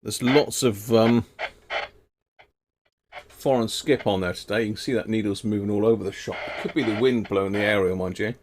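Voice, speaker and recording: Against a noisy background, a man with a lowish voice runs a radio hobby livestream, speaking at normal speed with fairly even intonation. He chats casually as he works, laughs at his own slip-ups, and moves closer to and away from the mic.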